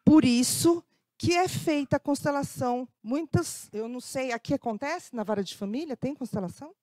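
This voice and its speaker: A woman's voice: high voice, normal speed, dark tone, no echo, clean studio sound. A middle-aged Brazilian woman with a Brazilian Portuguese accent gives a lecture as an educator and tells personal anecdotes, often adding tag questions and acting out dialogue. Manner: conversational, frequent tag questions, acts out quoted dialogue. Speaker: guest speaker, educator.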